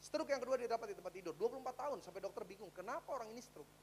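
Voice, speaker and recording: A preaching pastor, a man with a high, light voice. He moves between loud calls to the congregation and quiet, close storytelling. A faint hum sits under the recording. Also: very fast. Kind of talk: sermon.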